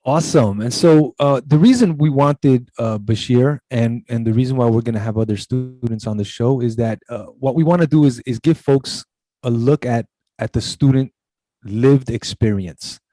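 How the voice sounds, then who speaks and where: Mellow-voiced earnest male host. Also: mid-range voice, moderate pace, no echo. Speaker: show host. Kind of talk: video-call talk show.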